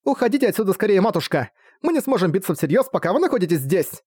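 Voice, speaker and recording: A man's voice: sits high, sing-song, quick pace, a little mellow, breathy edge, no echo, clean studio sound, pitched above the performer's own voice, heavily acted. A man voicing a group of plucky young female fan-club girls in an audiobook, eager and chirpy. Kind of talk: audiobook character voice.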